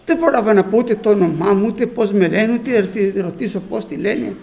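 Gravelly high-pitched older male preacher. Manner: animated storytelling, acts out shouting voices. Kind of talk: sermon with personal story.

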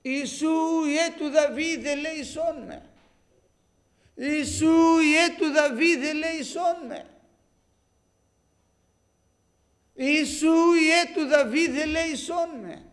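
A man voicing a blind beggar who loudly cries out for mercy. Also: very high voice, voice pushed up. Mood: pleading. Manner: loud pleading cries.

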